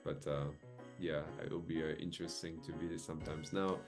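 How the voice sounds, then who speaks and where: Deep-voiced male interviewer from Japan, meandering, filler-heavy delivery. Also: steady tone, fairly quick, vocal fry, darkish tone, faint music behind. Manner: rambling, many fillers and restarts. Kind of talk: casual video-call interview.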